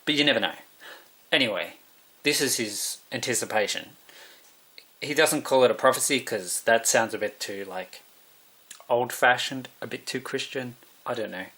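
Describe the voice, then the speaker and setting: A man rambles to camera in a loose, musing monologue. He drifts between thoughts and stops to correct himself. His voice sits at an everyday mid pitch. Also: moderate pace, long pauses, sharp tone, husky. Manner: musing, meandering, self-correcting. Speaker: vlogger.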